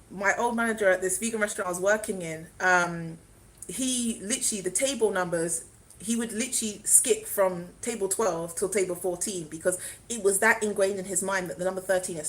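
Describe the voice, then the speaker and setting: A woman's voice: medium pitch, normal speed, fairly bright tone, low-quality recording. A young woman chatting casually on a live stream, rambling and answering viewer comments as they come in. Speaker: spiritual vlogger doing a live stream.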